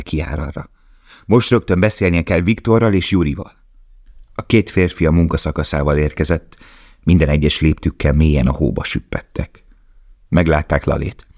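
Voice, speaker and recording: A man reads a novel aloud in a steady, measured way. His voice is extremely low. The recording is close and dry, with no room sound. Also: no echo. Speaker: audiobook narrator. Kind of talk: scripted narration.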